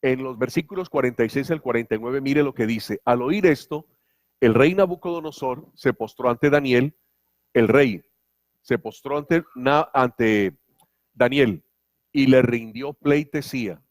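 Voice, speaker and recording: A male pastor preaching a sermon, telling stories with animated humor. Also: medium pitch, unhurried, no echo, studio quality.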